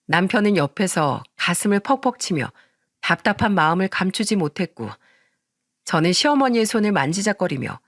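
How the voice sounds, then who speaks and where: Soft-spoken woman narrating a story. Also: mid-range voice, big pitch swings, moderate pace, dry recording, studio quality.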